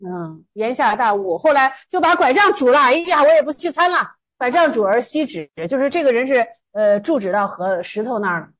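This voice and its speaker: A woman's voice: fairly high pitch, expressive, brisk, hardly any pauses. A woman teaching Zen koans in a casual, colloquial storytelling way, briefly acting out the people in each story. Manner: colloquial, acts out dialogue in stories.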